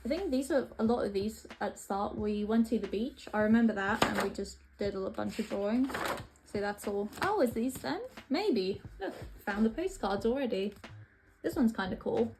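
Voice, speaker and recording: A young Latvian art vlogger flips through her old sketchbooks, narrating in a rambling, hesitant, offhand way. Her voice is mid-range at normal speed, with background noise in the recording.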